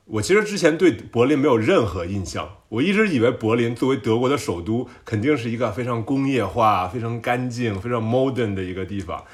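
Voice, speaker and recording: Fast-talking man from China, animated storyteller. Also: mid-range voice. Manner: animated storyteller, laughs often, mixes English words. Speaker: podcast guest. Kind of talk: casual podcast chat.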